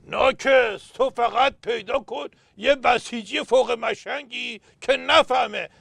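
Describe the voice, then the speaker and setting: A man performs a scripted satire as a know-it-all pundit, building anecdotes to punchlines and bursting out emphatically. His voice sits very high with a gravelly edge. The recording is close and dry. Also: a bit bright, dry recording. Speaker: satirical pundit character "Doctor". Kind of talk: scripted political satire sketch.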